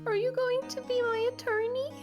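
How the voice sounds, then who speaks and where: A woman voicing a tired young woman in detention, speaking hesitantly and softly. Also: very high-pitched, little pitch movement, normal speed, over music, pitched above the performer's own voice. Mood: timid. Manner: hesitant and soft. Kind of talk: reading game dialogue aloud.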